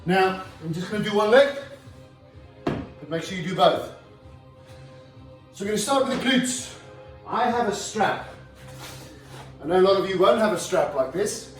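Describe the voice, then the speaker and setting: A man with a high voice coaches a leg workout at home, demonstrating each move as he goes and getting winded between sets. He sits a distance from the mic in an echoey room. Faint music runs underneath. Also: lively intonation, moderate pace, pauses often. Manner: instructive, demonstrating while talking. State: out of breath at times. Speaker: fitness trainer.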